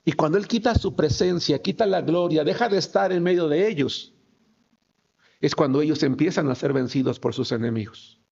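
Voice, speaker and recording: A man's voice: fairly high pitch, moderate pace, gravelly, a little mellow. A male pastor preaching a sermon, emphatic and firing rhetorical questions at his congregation. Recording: dull lo-fi recording.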